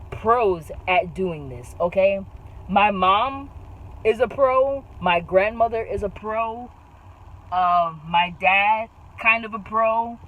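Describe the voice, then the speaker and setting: A young woman vlogging in a casual chat, animated and slangy, leaning hard on "bro" and "like.". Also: mid-range voice, rough recording.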